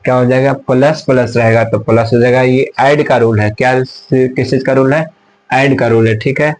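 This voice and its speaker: At a whiteboard, a male teacher walks through rules step by step, repeating himself and answering the questions he asks the class. His ordinary mid-pitched voice is steady, moderately paced and a little mellow, sometimes drifting farther off as he turns to the board, on a rough recording.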